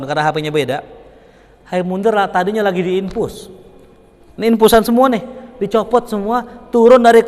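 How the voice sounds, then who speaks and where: Lively, high-voiced preacher in a hall. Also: male voice. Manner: animated, acts out dialogues with big pitch jumps, chuckles often. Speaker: religious teacher. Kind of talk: informal Islamic study lecture.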